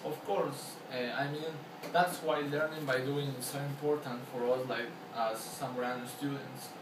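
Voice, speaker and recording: A young man with an Ecuadorian accent talks through his answers in an interview, hesitating with fillers and restarting his sentences. He is heard from across an echoey room. Steady background noise sits under his voice. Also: medium pitch. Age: young adult. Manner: halting, many fillers and restarts. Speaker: student interviewee. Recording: echoey, distant mic, noisy background.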